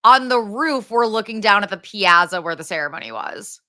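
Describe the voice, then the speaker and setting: A woman guesting on a podcast in casual, playfully dramatic chat, with crisp vocal fry at the ends of her phrases. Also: medium pitch, expressive, normal speed, bright, forceful tone. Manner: conversational, frequent 'like', playful dramatizing.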